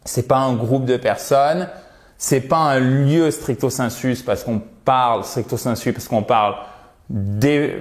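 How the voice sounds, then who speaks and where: Man, teacher type, bilingual grammar lesson; slow, deliberate pacing, models English stress by repeating words. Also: medium pitch, darkish tone. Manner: switches between English examples and French explanation.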